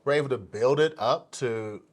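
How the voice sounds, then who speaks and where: A man hosting an interview show, talking with animated enthusiasm and lots of fillers and restarts. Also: medium pitch, moderate pace. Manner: animated, hyped delivery with many fillers and restarts. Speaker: podcast host.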